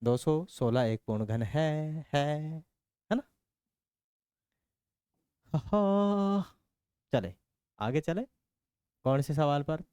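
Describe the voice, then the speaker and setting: A man's voice: fairly high pitch, takes it slowly, pauses often, dark tone, smooth, no echo, clean studio sound. A man teaching a maths lesson in a casual, playful way, working through sums aloud with jokey stories and constant check-in questions. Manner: counts out working steps aloud.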